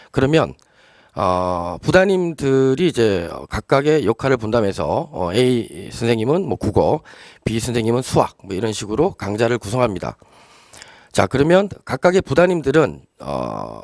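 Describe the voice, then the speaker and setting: A man's voice: mid-range voice, darkish tone, no room sound, studio quality. A man answering teachers' frequently asked questions in a live-streamed briefing, explaining step by step with many fillers and hesitations.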